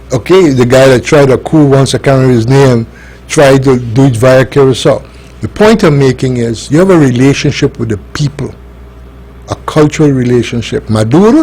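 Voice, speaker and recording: A man's voice: medium pitch, darkish tone, rough recording. A man with an Aruban accent giving opinionated political commentary on a talk show, speaking emphatically and arguing with rhetorical questions.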